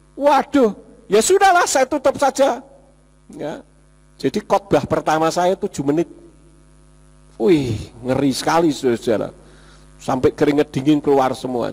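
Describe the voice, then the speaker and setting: A male pastor, preaching a sermon full of his own story, swinging between high excited lines and low quiet asides. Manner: animated storytelling, jumps high and drops low. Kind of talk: sermon with personal testimony. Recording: long reverb of a hall.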